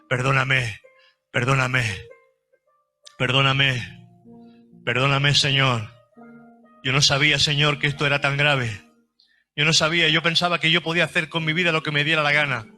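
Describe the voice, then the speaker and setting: Fervent pastor preaching, bright voice. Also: male voice, fairly high pitch. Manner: fervent, repeats phrases for emphasis. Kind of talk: sermon. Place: church service.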